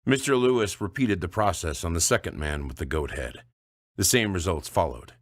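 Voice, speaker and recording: A man narrating an audiobook in a dry, measured storytelling voice. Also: low voice, animated, no echo.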